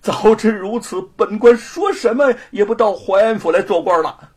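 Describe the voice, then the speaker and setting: A man's voice: on the high side, big pitch swings, takes it slowly, gravelly, slightly rough, heavily acted. A man voicing a cowardly middle-aged male prefect who whimpers and sighs in panic. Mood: panicked, fretful. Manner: wailing, whimpering, sighing.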